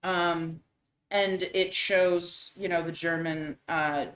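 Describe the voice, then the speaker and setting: A woman's voice: lowish voice, takes it slowly, a little hiss or hum. Female co-host, casual commentary, emphatic quote reading; roomy, echoey recording. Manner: reads quotes aloud with animated emphasis. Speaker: podcast co-host. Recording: roomy echo.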